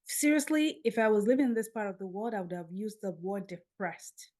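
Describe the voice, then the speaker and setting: A Nigerian woman in her fifties, a podcast guest telling her story in a lively way and acting out the dialogue. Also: medium pitch, fairly quick.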